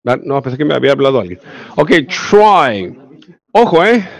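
A man's voice: medium pitch, very animated, normal speed, gravelly, dry recording. A male English teacher with a Mexican Spanish accent, giving an online class and explaining grammar step by step with frequent check-ins.

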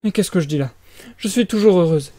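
A man's voice: high-pitched, a little fast, dark tone, dry recording, studio quality, pitched above the performer's own voice, lightly acted. A man reading aloud and voicing an anxious, fussing middle-aged mother who talks in a flustered, gushing way. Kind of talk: audiobook reading.

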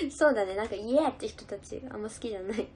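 A woman's voice: fairly high pitch, expressive, a little fast, darkish tone, a little hiss or hum. A young woman idol chatting casually on a livestream, giggling as she reads out and answers viewer comments. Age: young adult.

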